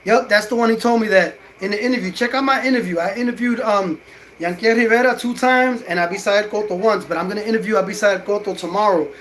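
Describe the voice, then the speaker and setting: A man's voice: high-pitched, fairly bright tone, a little hiss or hum, rough recording. A man of Puerto Rican heritage, a boxing content creator, talking casually on a livestream, emphatic and repetitive as he promotes himself. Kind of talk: casual livestream commentary, greeting viewers in chat.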